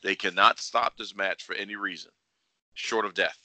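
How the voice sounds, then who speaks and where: A man's voice: low-pitched, fairly even intonation, normal speed, pushed and bright, no echo. A man hosting a casual sports podcast, speculating in a teasing, opinionated way. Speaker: wrestling podcast host.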